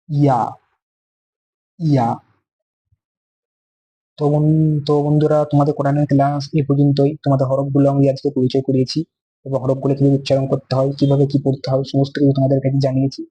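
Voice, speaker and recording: Male tutor, patient, repetitive drilling, mellow tone, light hiss. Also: mid-range voice, dull audio. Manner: patient, repeats each letter slowly; asks questions and answers them himself. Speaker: Quran teacher. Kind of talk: beginner Arabic letter lesson.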